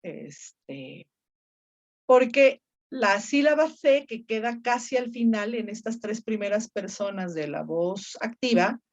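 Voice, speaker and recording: In an online lesson, a woman teaches Ancient Greek grammar, patiently explaining each step and quizzing her students. Her voice is a little high, expressive and slow, and the audio has its highs cut off.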